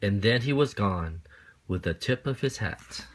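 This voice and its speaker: A man's voice: lowish voice, expressive, measured pace, rough recording. Man reading a rhyming picture book aloud. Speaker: parent reading to his child. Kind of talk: expressive children's picture-book read-aloud.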